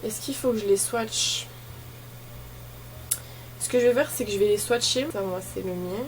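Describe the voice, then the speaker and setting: A woman chats informally in the manner of a beauty vlogger, thinking aloud and wandering from one remark to the next. Her pitch is average for a woman. The recording carries clear ambient noise behind her. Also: moderate pace, rough recording. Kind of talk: casual chat while opening advent calendars.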